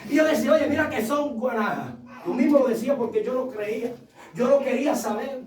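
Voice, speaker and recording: Male pastor, high voice, fiery sermon, storytelling, echoey church, distant mic. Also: animated, fairly quick. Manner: impassioned preaching that swells into shouts; tells personal stories with acted quotes. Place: church sanctuary.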